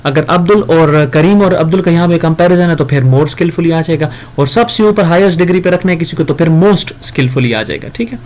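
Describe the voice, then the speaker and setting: A man teaches grammar. He reads each example slowly and carefully, then explains it in a relaxed, conversational way, pausing on fillers and correcting himself as he goes. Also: on the high side, slight background noise. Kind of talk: grammar lesson.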